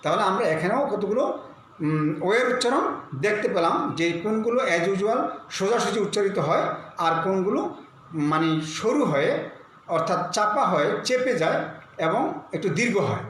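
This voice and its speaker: High-voiced male teacher in echoey room. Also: lively intonation, fairly bright tone. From Bangladesh. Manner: explains slowly, spells words letter by letter. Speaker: English teacher. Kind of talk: online lesson. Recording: very echoey room with faint hiss.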